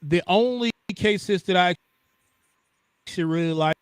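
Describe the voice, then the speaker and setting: A man co-hosting a casual podcast chat, talking over a laptop mic on a call, animated and restarting his sentences. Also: high-pitched, moderate pace, smooth, no echo, studio quality. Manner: animated, repeats words when starting a point. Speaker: podcast co-host.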